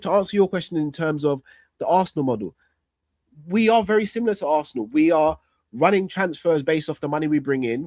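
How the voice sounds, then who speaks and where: A man argues in a heated pundit debate about football. His voice sits slightly high and is recorded very dry. He presses his case point by point, determined to be heard out. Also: dry recording. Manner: insistent, argues point by point, pleads to finish. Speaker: football fan pundit on a panel show.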